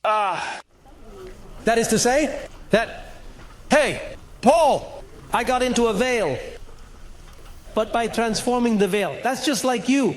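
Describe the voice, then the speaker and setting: A man's voice: very high voice, lively intonation, slow pace, long pauses, slight background noise. A man preaching a sermon at a church conference, emphatic and full of rhetorical questions.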